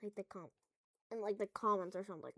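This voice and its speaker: A woman's voice: medium pitch, fast talker, pushed and bright, dry recording. A woman at home making a casual coding tutorial, rambling through jokey asides as she works. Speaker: tutorial maker.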